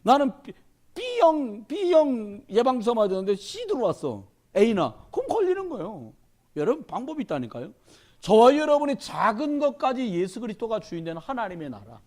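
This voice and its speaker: A man delivers a sermon at a midweek church service with a high voice that swoops across a wide range. He presses the congregation with loud urging lines, then drops into low, quiet asides and plays out the voices of church members. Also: huge pitch swings, normal speed. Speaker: pastor. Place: church during a Wednesday service.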